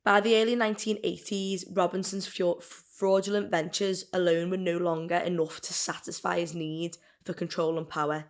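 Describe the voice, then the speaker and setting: A woman's voice: on the low side, level tone, normal speed, hardly any pauses. A woman co-hosting a podcast, reading a true-crime case from notes in a casual chatty way, now and then stumbling over words. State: burping and hiccuping. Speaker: podcast co-host telling the case.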